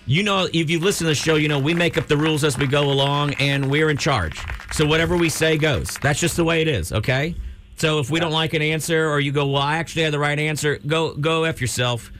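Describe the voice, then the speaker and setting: A man's voice: a little high, brisk, fairly bright tone, slight background noise. A man hosting a call-in trivia game on the radio, loose and joking, tripping over his words as he runs it. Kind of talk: casual radio banter.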